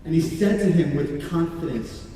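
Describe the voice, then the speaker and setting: A man acting out a remorseful condemned criminal in a church monologue, speaking earnestly and halting, repeating words as he goes. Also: a little high, mellow, slight background noise, natural voice. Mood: awed confession. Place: large church sanctuary. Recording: echoey hall from far off.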